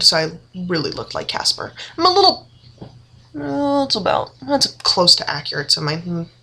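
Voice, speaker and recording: Chatty, bright young woman vlogger. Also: mid-range voice, vocal fry. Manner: chatty, goofy and self-mocking, many fillers. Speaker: beauty vlogger. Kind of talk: casual makeup tutorial chat. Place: home room.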